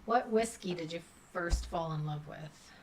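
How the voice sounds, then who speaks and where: Woman co-host reading chat questions, lowish voice, faint background noise. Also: measured pace. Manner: brief, reads out questions. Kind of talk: casual livestream chat.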